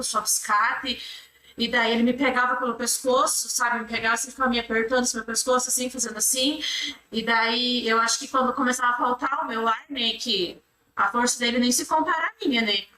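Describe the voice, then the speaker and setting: A Brazilian woman testifying in court, her voice high and bright as she rushes through a long rambling account. She ties her clauses together with the same fillers over and over. The recording sounds echoey, picked up from a distance in a courtroom. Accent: Brazilian Portuguese. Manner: rambling retelling, strings clauses with repeated fillers. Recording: echoey room, mic at a distance.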